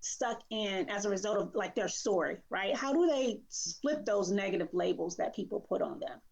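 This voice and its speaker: A woman's voice: mid-range voice, lively intonation, moderate pace, creaky, darkish tone, muffled recording. Casual affirming woman host. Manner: casual, affirming, frequent "right?". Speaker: interview host. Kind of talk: conversational interview.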